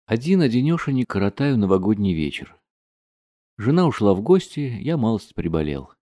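A man reading a comic story aloud with dry, deadpan narration and lively acted dialogue. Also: fairly low pitch, normal speed, dry recording.

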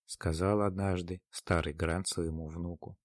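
A man narrating a dramatic classic story in a measured storytelling manner. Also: low voice, little pitch movement, dry recording, studio quality. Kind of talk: dramatic audiobook reading.

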